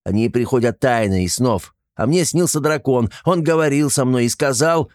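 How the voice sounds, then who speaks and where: A man's voice: medium pitch, normal speed, a little mellow, dry recording, clean studio sound, voice pushed up, close to an everyday voice. A man voicing a small, cheeky male shortling creature who grumbles and bleats when frightened. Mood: aggrieved. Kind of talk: audiobook character voice.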